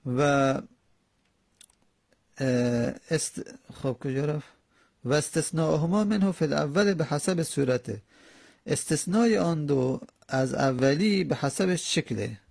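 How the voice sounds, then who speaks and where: A male teacher with a gravelly, husky voice pitched a little high. He explains a grammar text line by line and stretches out the example words slowly. The sound is dry and close. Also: animated, darkish tone, dry recording. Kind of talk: classroom grammar lesson.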